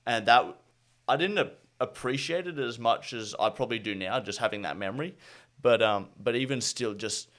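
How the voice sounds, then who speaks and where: A man's voice: mid-range voice, moderate pace, a bit bright. A man co-hosting a podcast, speaking in a reflective, thoughtful way. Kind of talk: casual podcast chat.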